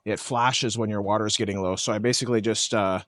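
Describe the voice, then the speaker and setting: A man with a fairly low voice chats easily at a lakeside campsite, filming his own camping vlog. He rambles a bit and fills gaps with hesitations. The sound is dry and close, with no echo around it. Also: fast. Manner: relaxed, rambling, frequent "uh" hesitations. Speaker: camping vlogger. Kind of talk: casual outdoor vlog.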